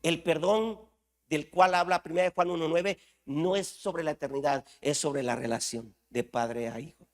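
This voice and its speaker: A man with a Mexican accent preaching a sermon in a church, impassioned, swinging from loud outbursts to hushed lines. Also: fairly high pitch, normal speed. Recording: reverberant church hall.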